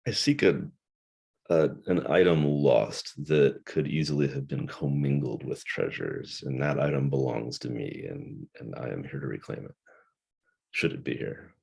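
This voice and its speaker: A man improvises in character at a tabletop game. His voice is extremely low, creaky and husky, and he halts and repeats words as he goes. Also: measured pace, darkish tone. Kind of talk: improvised in-character role-play.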